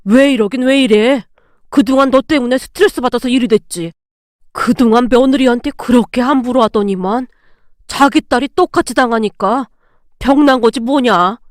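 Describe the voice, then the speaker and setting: A stern older father-in-law rebukes his family in a lowered, blunt voice, as a woman narrator puts him on. The sound is dry and close. He never softens his reproach. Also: moderate pace, dry recording, close to an everyday voice. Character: gruff older man, scolding father-in-law.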